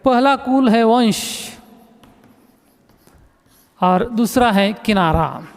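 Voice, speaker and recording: Speaking extremely slowly yet in an animated way, a high-voiced male teacher records a class lesson with room echo around him. He's patient, repeats words while explaining, and frequently says "look."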